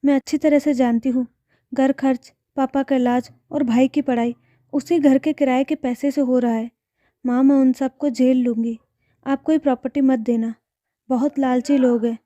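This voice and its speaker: A woman's voice: sits high, fairly even intonation, moderate pace, dark tone, dry recording, natural voice. A woman voicing an unhappy young married daughter, hesitant and holding back tears. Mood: tearful.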